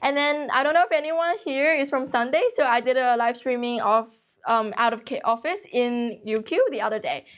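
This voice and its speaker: A young woman from China, whose first language is Chinese, chatting briskly on a livestream from an office and answering viewers' questions about learning English. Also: on the high side, smooth. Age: young adult. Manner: brisk, chatty, refuses to slow down.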